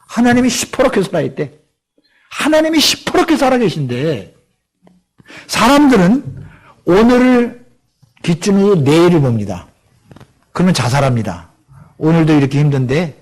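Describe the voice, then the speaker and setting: A middle-aged male pastor delivers a sermon in a church, with a fairly high voice that rises and falls a great deal. He keeps putting questions to the congregation and slips into the voices of the people he quotes. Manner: lively preaching, acts out quoted voices, asks the congregation questions. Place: church sanctuary.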